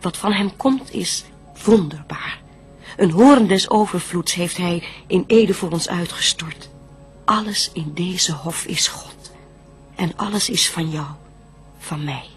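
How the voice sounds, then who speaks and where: An actress playing Eve, a devout and gentle bride, reciting solemn verse with measured reverence in a radio play. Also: female voice, on the low side, faint music behind. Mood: reverent.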